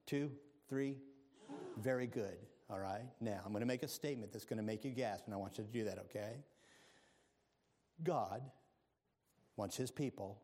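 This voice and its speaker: A male preacher giving a sermon, animated and engaging, moving from hushed asides to loud exclamations and calling on the congregation to answer. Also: mid-range voice. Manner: calls on the congregation to respond.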